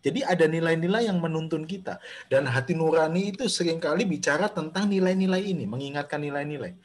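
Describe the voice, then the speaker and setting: A man's voice: a little high, fast talker. A man, a pastor leading a Bible study over a video call, talking conversationally with many fillers and restarts. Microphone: video call microphone.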